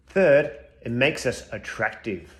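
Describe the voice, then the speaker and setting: A man's voice: medium pitch, animated, slow pace, fairly bright tone. A man playing a scruffy, cocky expert on compassion who confidently lectures through a list of studies in a comedic school chapel sketch. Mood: cocky lecturing. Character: scruffy bearded male compassion specialist, cocky.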